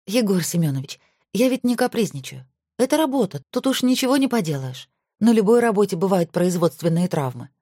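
A woman voicing a sly young woman dancer in an audiobook, coaxing and breathy. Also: mid-range voice, sing-song, moderate pace, a little mellow, no echo, studio quality, voice pushed up.

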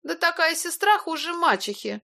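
A woman reading an audiobook, voicing a fussy young woman with a nasal, slightly husky voice and a needling, wheedling manner. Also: high-pitched, animated, normal speed, a bit bright, voice pushed up. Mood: irritated wheedling. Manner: whiny, needling, sugary then cold. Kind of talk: audiobook character voice.

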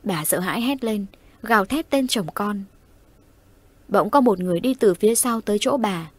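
A woman narrating a ghost story in a steady storytelling voice. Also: mid-range voice, moderate pace, slightly rough, dry recording. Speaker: audiobook narrator.

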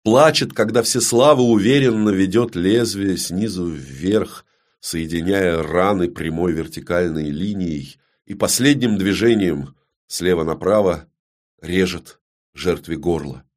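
Low-voiced man narrating gravely. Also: a little slow. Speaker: audiobook narrator. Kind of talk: dramatic fantasy audiobook narration.

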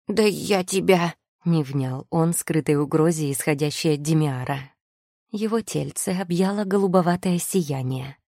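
A woman narrating a first-person audiobook in a soft, intimate storytelling manner. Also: sits low, dry recording, studio quality.

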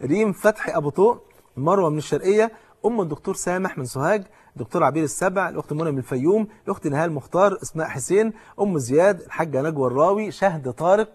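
A middle-aged Egyptian preacher with a husky, slightly high voice, rattling quickly through long lists of names before turning to exhortation. His delivery is rapid and fervent, in the manner of a religious lecture. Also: expressive. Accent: Egyptian Arabic.

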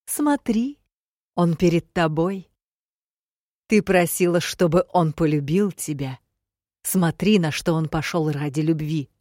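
A woman's voice: sits low, steady tone, slow, vocal fry, a little mellow, dry recording, clean studio sound, heavily acted. A woman doing a cruel mocking demiurge. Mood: caustic taunting. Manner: caustic, taunting. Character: cruel mocking male demiurge, sly and sadistic.

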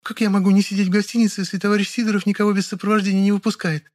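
A man's voice: sits high, level tone, very fast, dry recording, studio quality, pitched above the performer's own voice, lightly acted. A man voicing a capricious, sulky young woman who whines and pouts, then purrs coyly. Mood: indignant. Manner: whiny and pouting, turns to a purring wheedle.

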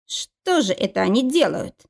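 A woman's voice: mid-range voice, very animated, unhurried, gravelly, exaggerated voice. A woman voicing the narrator, a worried young male bodyguard, indignant and insistent in an audiobook. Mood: uneasy.

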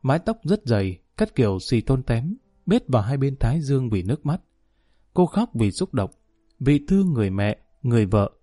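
Male audiobook narrator, steady, measured, dark mellow tone, dry close sound. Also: mid-range voice, no room sound, soft background music.

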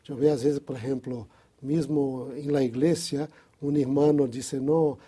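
Husky man with a tinged Spanish. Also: medium pitch, steady tone, measured pace, mellow. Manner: hesitant, restarts often, thinks aloud. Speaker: Bible study co-host. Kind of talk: casual religious discussion.

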